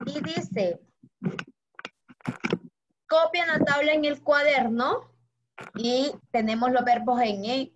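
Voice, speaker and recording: Teaching children, a woman guides them through a verb table with patience and affection. Her voice sits on the high side, and the dull lo-fi recording has slight background noise.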